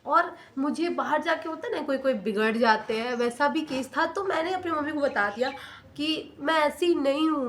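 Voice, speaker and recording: Young woman venting on her vlog, high bright voice, kinda emotional, bit of room hum behind. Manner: emotional, confiding, mixes English phrases. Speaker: vlogger. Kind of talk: personal storytelling vlog.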